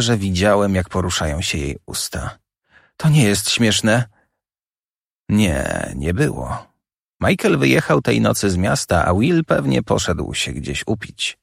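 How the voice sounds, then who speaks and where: Gravelly man narrating a dark audiobook. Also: fairly low pitch, no room sound, clean studio sound. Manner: dramatic, intense storytelling. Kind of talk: first-person audiobook narration.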